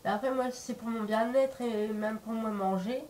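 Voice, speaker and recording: Woman vlogging with a blocked-up nose from a cold, kinda high voice, bit far from the mic, rambly. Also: normal speed, a little mellow. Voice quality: stuffy, congested nose from a cold. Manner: hesitant, rambling, searches for words. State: sick with a cold, sore throat. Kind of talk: casual chat to camera. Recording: distant mic, faint background noise.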